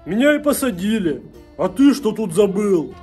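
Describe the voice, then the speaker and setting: A man's voice: sits high, big pitch swings, moderate pace, dark tone, breathy edge, soft background music, exaggerated voice. A man playing a scheming homeless petty thief in a jail cell for a comedy sketch. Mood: sly, hushed. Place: derelict brick building.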